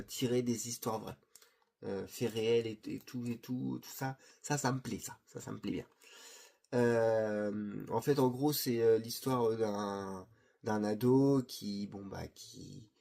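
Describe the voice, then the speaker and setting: A middle-aged man chats casually in a warm, mellow voice with a husky edge. He hesitates often, restarting his sentences and padding them with fillers. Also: mid-range voice. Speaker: video host presenting his Blu-ray collection. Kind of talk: casual chat.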